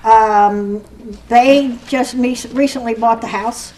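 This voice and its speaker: An older woman from Norwood, Ohio, speaking as a resident at a council meeting, rambling and aggrieved, with halting restarts. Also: a little high, steady tone, a little mellow, a little hiss or hum, poor audio. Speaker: resident speaking at public comment. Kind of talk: public comment at a council meeting.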